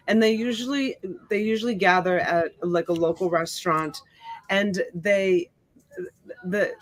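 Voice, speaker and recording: Speaking into a USB desk mic with no echo, this lowish-voiced, middle-aged woman, whose native language is Italian, runs a live-stream auction. She chats informally, welcomes viewers by name, and leans on plenty of filler words.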